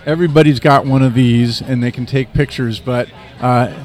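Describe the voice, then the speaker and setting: A man's voice: medium pitch, steady tone, moderate pace, a little mellow. A man hosting a casual interview, often ending his points with leading tag questions. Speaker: interview host.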